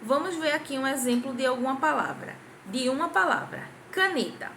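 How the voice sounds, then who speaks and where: This recording captures a young adult woman, a primary teacher with a Brazilian Portuguese accent, patiently reviewing grammar with kids as she asks them questions and claps out syllables. She speaks expressively at a moderate pace in a high, fairly bright voice, with a faint hiss or hum.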